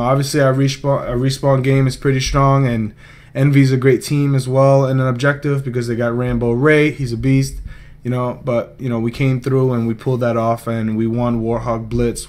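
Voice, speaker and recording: A young man hosting his own vlog, recapping a gaming tournament in a chatty, rambling, joking way. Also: medium pitch. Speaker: esports player and vlog host.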